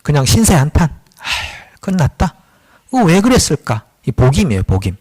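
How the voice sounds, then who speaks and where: A male pastor delivers a Wednesday sermon with a lively, swooping voice that sits a little high for a man. He is conversational and animated, acting out the voices of the figures he talks about and chuckling at himself now and then. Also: fast, breathy edge. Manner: animated, acts out dialogue with God and Moses.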